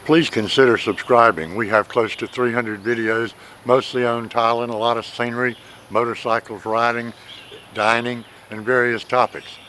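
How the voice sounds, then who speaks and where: A man narrating a vlog as its host, explaining things and sometimes pausing or repeating himself to find words. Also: mid-range voice, steady tone, pushed and bright, a little hiss or hum.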